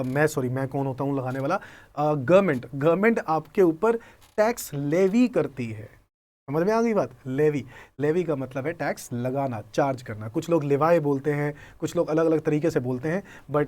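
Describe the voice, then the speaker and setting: Indian male lecturer, slightly high voice, quizzes himself in students' voices, calls the class kids. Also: darkish tone. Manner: asks and answers his own questions as students; mixes Hindi with English terms. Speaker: tax lecturer.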